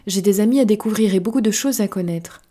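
Earnest little boy prince, read by a woman, curious and polite, warm tone. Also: medium pitch, quick pace, natural voice. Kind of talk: storybook reading.

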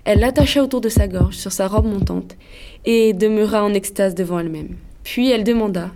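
A woman's voice: medium pitch, mellow, a little hiss or hum. Woman narrating a classic story. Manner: measured, storytelling. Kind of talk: scripted narration.

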